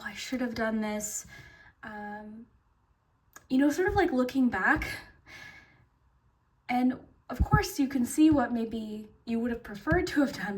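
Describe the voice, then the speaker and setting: A woman's voice: high-pitched, distant mic, slight background noise. A woman doing a pick-a-card tarot reading, chatty, full of fillers and restarts, and losing her voice. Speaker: tarot reader.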